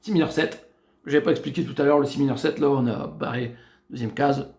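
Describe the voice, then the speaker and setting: A man's voice: medium pitch, vocal fry. A man teaching guitar, explaining chords step by step and counting beats as he plays. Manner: slow step-by-step explaining, counting beats and singing snatches while playing. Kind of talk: guitar tutorial. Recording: echoey room with loud guitar.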